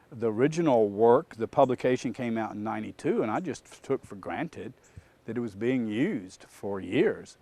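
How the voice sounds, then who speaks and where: A man with a mid-range voice tells a long workplace anecdote, building it up with fillers and emphatic repeats. He talks like a seasoned audit trainer sharing a lesson. The sound is dry and close, with no room echo. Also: mid-range voice. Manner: anecdotal, animated storyteller with fillers. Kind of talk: storytelling talk.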